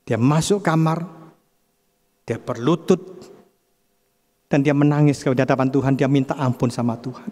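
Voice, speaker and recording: Male preacher with a high voice, emphatic sermon delivery, long reverb from a large church hall. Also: a little mellow. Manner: emphatic, keeps addressing the congregation as brothers and sisters.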